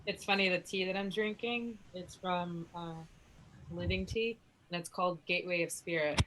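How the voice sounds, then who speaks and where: Bubbly woman from new jersey on a video call, bright sharp voice, a little low. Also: normal speed, a little hiss or hum, poor audio. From New Jersey, USA. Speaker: guest. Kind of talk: casual video-call chat.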